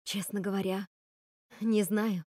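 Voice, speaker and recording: A woman's voice: flat delivery, takes it slowly, a little mellow, no room sound, studio quality. A woman reading aloud and voicing a young witch girl who fights to save her sisters, urgent and pleading. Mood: hushed. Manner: urgent, pleading, high-strung.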